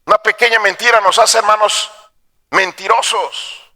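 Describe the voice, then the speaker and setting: A male pastor preaching a sermon, dropping to hushed storytelling and then rising to shouted exhortation, calling his listeners brothers. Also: sits high, fairly even intonation, moderate pace, long reverb tail. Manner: addresses the congregation as brothers. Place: church sanctuary.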